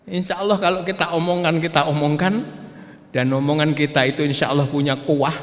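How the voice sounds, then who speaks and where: A man aged 68 giving a religious lecture, slow and measured, punctuating his points with short "ya" and "nah". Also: a little high. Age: 60s. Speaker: Islamic scholar. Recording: long reverb of a hall.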